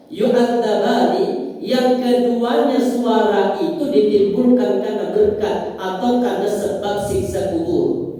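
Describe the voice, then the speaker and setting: A man preaching a sermon in a mosque, chanting Arabic passages and then explaining them in an animated way. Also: high voice. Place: mosque hall. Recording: echoey hall, from far off.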